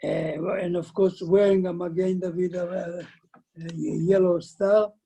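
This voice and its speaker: A Lithuanian man in his nineties, a survivor giving testimony, tells his life story in an interview over a video call with a computer microphone. He sits indoors at home by shelves of framed photos. His voice is very dark, husky, high-pitched and flat, and he speaks slowly, halting and repeating words in broken sentences before finishing his thoughts.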